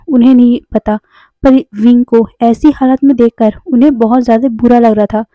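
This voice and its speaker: A woman's voice: fairly high pitch, dry recording, lo-fi sound. A woman narrating a serialized story in a casual, conversational way, mixing in English words and correcting herself as she goes.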